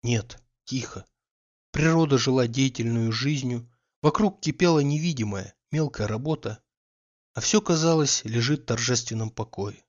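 A man reading a literary audiobook in a measured, calm storytelling manner. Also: medium pitch, dull audio. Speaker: audiobook reader.

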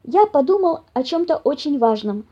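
A polite little wood mouse from a storybook, earnest and quick to grow indignant, as voiced by a woman. His voice sits a bit high and bounces around lively on dull audio.

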